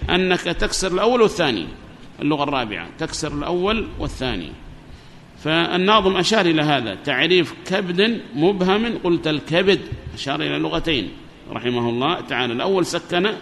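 A man teaches a grammar class through a microphone, often stopping to quiz his students and repeat their answers. His voice sits a little high, and it carries through a reverberant hall with a faint hiss of noise behind it. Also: big pitch swings, fast, gravelly, a bit bright. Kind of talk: classroom lesson explaining a grammar poem. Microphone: amplifier microphone.

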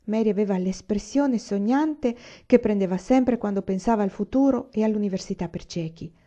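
A woman reading a children's novel aloud as narrator, even and clear. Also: medium pitch, moderate pace, highs cut off. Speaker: reader.

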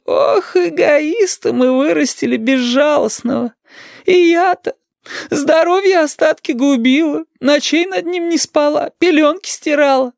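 A man's voice: very high-pitched, creaky, no room sound, studio quality, voice pushed up, full character voice. A man voicing a fretful, reproachful old grandmother who laments in a whiny sing-song.

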